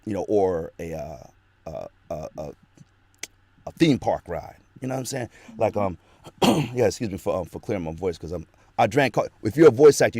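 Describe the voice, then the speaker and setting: Here a middle-aged voice actor, guesting on an interview, drifts through nostalgic anecdotes in a relaxed, rambling way full of restarts. His voice sits low and sounds mellow, with no echo.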